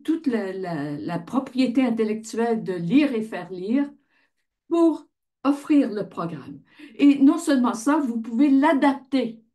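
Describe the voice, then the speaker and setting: The founder of a volunteer reading association presents informally, explaining things in a conversational way and answering her own questions. She's from the Ottawa region in Canada, and her voice is a little high with a warm tone.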